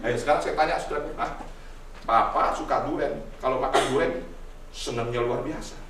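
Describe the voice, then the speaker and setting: A man preaching a Sunday sermon, swinging between loud shouts and hushed asides as he addresses the congregation. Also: mid-range voice, normal speed, slight background noise. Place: large church hall. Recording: echoey hall, heard from a distance.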